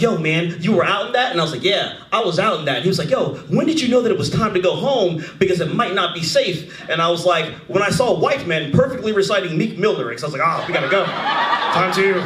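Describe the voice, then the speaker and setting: A man in his thirties doing a stand-up comedy set, animated and shouting his punchlines. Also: high voice. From United States. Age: 30s. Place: comedy club stage before a live audience. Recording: roomy club with crowd laughter. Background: audience laughing.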